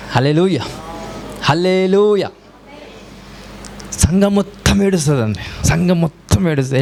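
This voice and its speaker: A man preaching a sermon as a pastor, breaking into raised shouts of hallelujah. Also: medium pitch, gravelly, slight background noise. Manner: preaching in Telugu mixed with English, with rising shouts of hallelujah.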